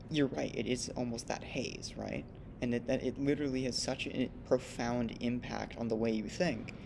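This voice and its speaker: Male podcast co-host, mid-pitched and reflective; clear background rumble in the recording. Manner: thoughtful, explanatory, many "right?" tags. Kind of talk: casual discussion.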